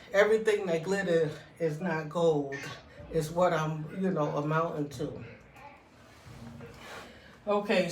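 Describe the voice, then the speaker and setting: A woman telling a casual, rambling personal story in a conversational way, often checking in with the listener. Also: deep voice. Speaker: vlogger telling personal stories. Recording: echoey room, distant mic.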